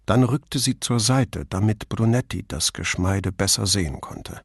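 A man reading an audiobook in measured, even scripted narration. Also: fairly low pitch, gravelly, breathy edge, no echo, clean studio sound.

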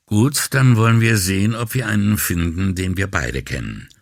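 A man reading an audiobook voices a reserved, wary male agent who speaks quietly and carefully. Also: low voice, moderate pace, no echo, clean studio sound, natural voice. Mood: guarded. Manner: guarded, quiet. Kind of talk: audiobook character voice.

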